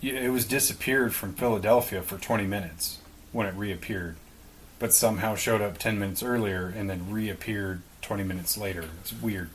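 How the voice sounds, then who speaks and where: This man's lowish voice stays steady at a moderate pace as he co-hosts a podcast, chatting through a story with some cursing and guesswork. There's a little hiss or hum, and the recording is rough.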